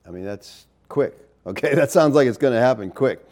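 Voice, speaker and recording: A man preaching a sermon, arguing point by point in an animated, incredulous way and pressing rhetorical questions. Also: mid-range voice, a little fast.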